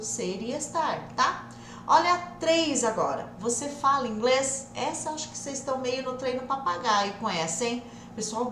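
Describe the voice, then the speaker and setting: A woman English teacher with an interior São Paulo Brazilian Portuguese accent, giving an energetic live online lesson and drilling phrases slowly and repeatedly. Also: fairly high pitch, echoey room, a little hiss or hum. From interior of São Paulo state, Brazil.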